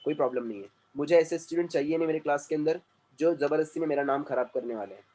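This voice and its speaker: Man, English teacher, stern and repetitive, slightly higher voice, lecturing an online class. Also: very fast, mellow.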